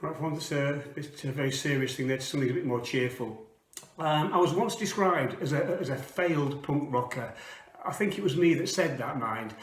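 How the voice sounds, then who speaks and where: A man's voice: a little high, moderate pace. An older man, around sixty, performing spoken word poetry. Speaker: performance poet. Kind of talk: spoken word poetry recital with casual introductions. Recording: roomy echo, distant microphone.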